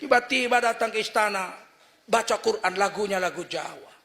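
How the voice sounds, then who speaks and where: A middle-aged man from Indonesia preaching a sermon, animated and mocking, mimicking accents and recitation styles. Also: sits high, moderate pace, creaky.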